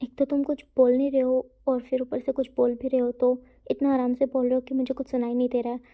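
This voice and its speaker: A woman voicing a young man, a quick-tempered but caring partner who stammers and repeats his words. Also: high-pitched, completely flat delivery, phone-quality sound. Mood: apologetic.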